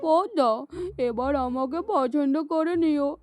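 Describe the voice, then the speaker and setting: Woman voicing a lovesick old landlord, high-pitched. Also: a little slow, a little mellow. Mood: dreamy. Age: middle-aged. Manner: pleading, dreamy and doting. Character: old lovesick male landlord, vain and foolish. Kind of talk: cartoon voice acting. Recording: faint music underneath.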